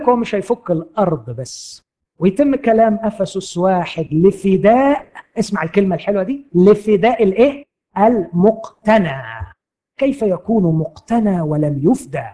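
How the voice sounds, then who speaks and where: Egyptian male preacher, high and very animated, impassioned, rises loud then drops to a hush. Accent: Egyptian Arabic. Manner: impassioned, swings between loud and hushed. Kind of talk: sermon.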